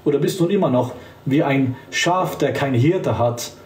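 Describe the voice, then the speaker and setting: A man's voice: medium pitch, moderate pace, a little mellow. Fervent male preacher, roomy and distant. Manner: fervent, emphatic, addresses the listener directly. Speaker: evangelist. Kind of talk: street-style preaching to camera.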